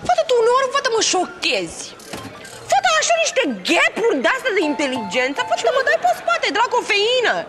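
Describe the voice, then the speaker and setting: A woman plays an airheaded, gossiping fashion girl in a comedy sketch. She talks very high and sing-song. Music plays underneath. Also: huge pitch swings, exaggerated voice. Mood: gossipy. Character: ditzy, fashion-obsessed young woman.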